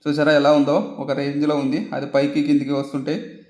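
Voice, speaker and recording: A man's voice: on the high side, monotone, a little fast, darkish tone. A man vlogger chatting casually in a voice-over, laughing often and repeating himself. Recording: roomy echo.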